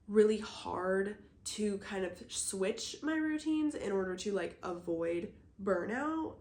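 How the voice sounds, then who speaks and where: A young woman hosting a solo podcast, musing casually in a hoarse, husky voice, with lots of "like" fillers. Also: medium pitch, darkish tone. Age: young adult. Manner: reflective, rambling, many "like" fillers. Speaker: podcast host. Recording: roomy echo.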